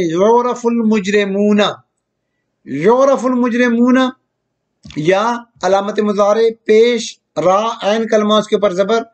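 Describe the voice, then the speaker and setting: A man with a high voice, well above the usual male range, teaching a grammar lesson at an even, patient pace. He keeps putting questions to his listeners and answering them himself. He reads each example out slowly and often stops to check that they follow. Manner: draws out Arabic examples slowly and deliberately; often checks in with "theek hai". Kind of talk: recorded grammar lecture.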